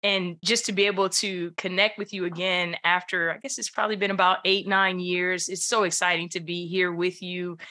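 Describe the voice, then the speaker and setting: A woman's voice: on the low side, level tone, moderate pace, few pauses, sharp tone. A woman from the New Orleans area, a podcast guest giving a friendly, grateful self-introduction. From greater New Orleans area.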